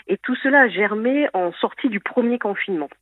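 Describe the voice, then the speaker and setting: A woman forest guide speaks as a radio interview guest, measured and often restarting her phrases. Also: medium pitch, lively intonation, no echo. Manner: measured, with frequent fillers and restarts. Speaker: certified forest bathing guide. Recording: phone-like dry radio line.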